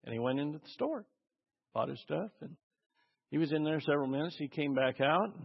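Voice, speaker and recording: A man's voice: on the high side, expressive, fairly quick, creaky, husky. Conversational male pastor in a reverberant hall. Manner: conversational, asks the congregation questions, uses many fillers. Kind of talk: sermon. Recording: dull audio with long hall reverb.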